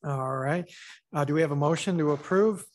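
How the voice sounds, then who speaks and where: A man with a fairly high voice chairs a city council meeting as mayor. He moves through procedure in a relaxed, informal way. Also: moderate pace.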